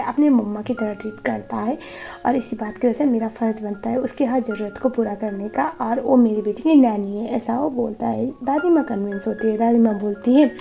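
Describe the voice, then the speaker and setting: A woman's voice: a little high, vocal fry, dark tone. A woman casually recapping a drama series, retelling scenes and quoting the characters in her own voice. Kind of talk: casual recap narration with quoted dialogue.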